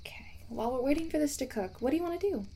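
A young woman voicing a playful camping companion who talks straight to the listener. She teases, giggles, and drops into a hushed voice to tell a ghost story. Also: sits high, a little hiss or hum. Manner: teasing, breaks into giggles. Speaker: voice actor in a listener roleplay. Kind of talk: first-person audio roleplay addressed to the listener.

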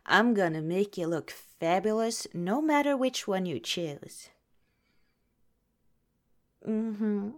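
A woman's voice: medium pitch, expressive, slow pace, long pauses. A woman in an ASMR roleplay as a fawning makeup artist who calls the listener darling and honey, slipping at times into whispers. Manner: soft-spoken, slips into whispers.

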